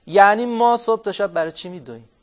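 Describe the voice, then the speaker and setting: A man giving an interactive religious talk, asking his listeners questions, answering them himself and drawing out key phrases slowly. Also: high-pitched. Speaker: religious speaker. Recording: dull lo-fi recording.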